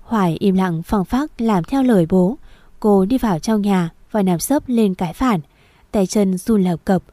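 A woman narrating a romance story in a steady, expressive reading voice. Her tone is dark and mellow, and the recording is dry and close to the mic. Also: medium pitch, a little slow, no echo.

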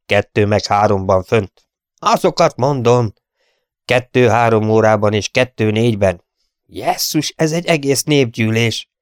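A man voicing a male bomber crewman who calls out enemy fighters in urgent, clipped shouts. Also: on the low side, animated, clear, resonant tone, no room sound, clean studio sound, natural voice.

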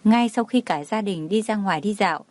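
A woman reads a novel aloud as an audiobook narrator at a mid pitch, with a steady, even delivery. The sound is close and dry, with no room echo. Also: fairly quick.

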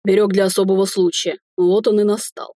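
A woman's voice: mid-range voice, level tone, a little fast, mellow, no echo, lightly acted. A woman reading the part of a drunk, defiant male hotel owner in an audiobook, with a dry close sound. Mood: commanding. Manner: blunt, defiant.

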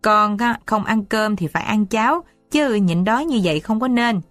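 A woman voicing a worried mother who gently coaxes and soothes her daughter, in a dry storybook reading. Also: mid-range voice, normal speed, no echo, faint music behind, lightly acted. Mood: coaxing. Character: worried, tender older mother of the house.

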